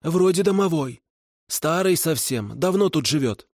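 Guy doing a screechy old swamp spirit woman, hissy and frantic, high voice, dry close sound. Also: lively intonation, a little slow, a little mellow, no room sound. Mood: submissive. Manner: shrieking and hissing. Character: shrill, desperate old female swamp spirit.

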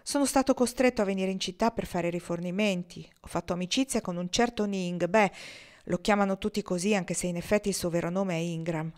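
A woman's voice: on the low side, a little mellow, close to an everyday voice. Woman reading as an eager young gold seeker. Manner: hurried, enthusiastic.

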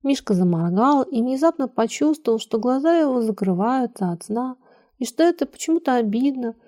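Woman, storybook narrator, mellow warm voice, measured even reading. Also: fairly high pitch. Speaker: audiobook narrator. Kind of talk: scripted literary narration.

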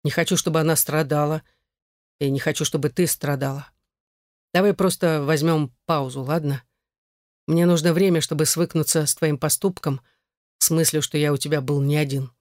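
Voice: medium pitch, fairly even intonation, normal speed, a little mellow, no echo, studio quality, natural voice. A reader voicing Tigran, a stern husband. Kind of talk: audiobook character voice.

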